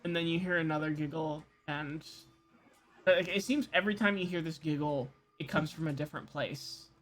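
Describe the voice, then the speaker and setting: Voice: mid-range voice, moderate pace, faint music behind. A game master describing scenes for a tabletop roleplaying game in an informal, conversational way.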